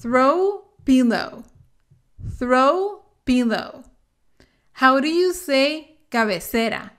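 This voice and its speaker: A woman teaching English vocabulary to Spanish speakers, saying each word slowly and carefully and then repeating it. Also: high-pitched, lively intonation, fairly bright tone. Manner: slow, careful word-by-word pronunciation drills. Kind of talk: bilingual vocabulary lesson.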